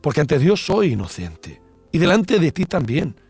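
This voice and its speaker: A man voicing Daniel, a faithful and serene older prophet who speaks with calm assurance. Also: a little high, a little slow, slightly rough, soft background music, exaggerated voice.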